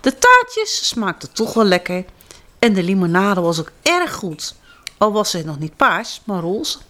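Woman storyteller, children's book, expressive and sing-song, wide melodic range. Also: mid-range voice, unhurried. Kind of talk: storybook reading aloud.

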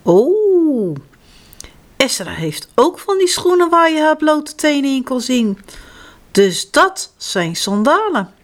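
A woman's voice: high voice, sing-song, slow, pitched above the performer's own voice, heavily acted. A woman doing a chirpy, eager little boy.

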